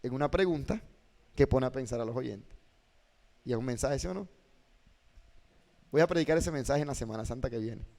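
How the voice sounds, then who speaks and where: A male pastor giving a lesson on preaching, animated and often asking his listeners to agree. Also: mid-range voice, a little fast, gravelly, pauses often. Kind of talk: classroom lecture with preaching demonstrations. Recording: hall reverb.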